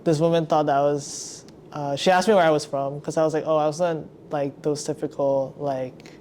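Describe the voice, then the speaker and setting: Chatting casually on his podcast, the young man from Indonesia leans on "like" as a constant filler. His voice is fairly high, slightly mellow and fairly even, moving at a moderate pace with slight background noise.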